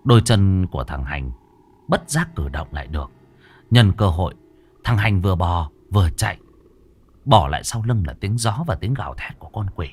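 A man narrating a horror story in an expressive, dramatic way. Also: low-pitched, normal speed, slightly rough.

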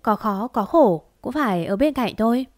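A woman voicing a gentle, devoted young man in a romance story, speaking softly and tenderly. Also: fairly high pitch, expressive, normal speed, dry recording, studio quality, natural voice.

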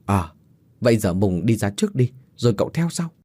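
A man's voice: on the low side, big pitch swings, brisk, mellow, no echo, studio quality. A man as an uneasy young uncle. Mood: reassuring. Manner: reassuring, tense.

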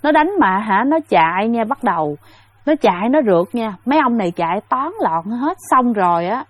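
A woman's voice: mid-range voice, dry recording. Chatty woman storyteller. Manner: chatty, addresses listeners directly, many fillers. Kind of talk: casual spoken ghost story.

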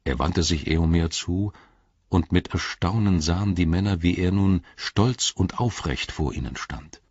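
Deep, slow, husky male narrator. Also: darkish tone, no echo. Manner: measured, solemn. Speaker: audiobook narrator. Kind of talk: scripted narration. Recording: dull, lo-fi audiobook recording.

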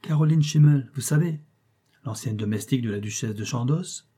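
Man doing an eager excitable clerk. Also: mid-range voice, normal speed, breathy edge, close to an everyday voice. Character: young male clerk, blustering, deferential to boss.

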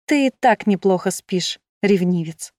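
A woman voicing a calm, loving husband who speaks softly and earnestly. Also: medium pitch, measured pace, dry recording, studio quality, natural voice. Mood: tender. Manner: soft, earnest.

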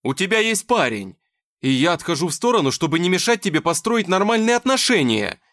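A man playing a desperate young firefighter who shouts and pleads. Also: sits high, big pitch swings, a little fast, voice pushed up. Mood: shouting.

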